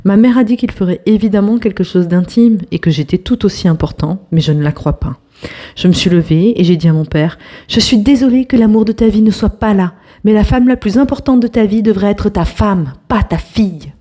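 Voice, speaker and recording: A young storytelling host reads an online post out loud, speaking at medium pitch and a little fast. Her lively reading is sprinkled with quiet asides and conversational notes to her viewers.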